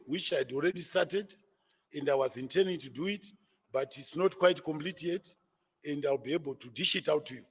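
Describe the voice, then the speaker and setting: Man, party spokesman, fairly high voice, husky tone, lecturing at a press conference. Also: long reverb tail. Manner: deliberate, stammering restarts, lecturing. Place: conference room.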